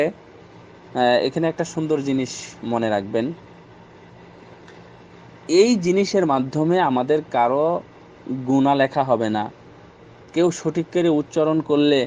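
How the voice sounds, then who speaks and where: Man giving a measured religious talk. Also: fairly high pitch, a little mellow, slight background noise. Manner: measured, hesitant fillers, emphatic repetition. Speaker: Islamic scholar answering questions. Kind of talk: religious question-and-answer talk.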